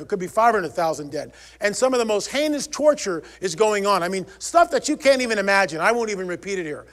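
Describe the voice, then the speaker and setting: A man's voice: high voice, a bit bright. A man giving a conference talk in an emphatic manner, pushing up to urgent peaks. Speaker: conference speaker. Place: conference hall.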